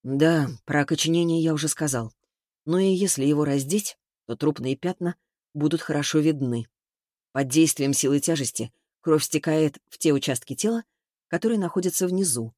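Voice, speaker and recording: A man reading an audiobook, voicing a blunt expert man who explains things in a lowered, matter-of-fact way. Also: normal speed, darkish tone, no room sound, studio quality, close to an everyday voice. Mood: explaining. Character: middle-aged man, dry, blunt medical expert. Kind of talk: audiobook character voice.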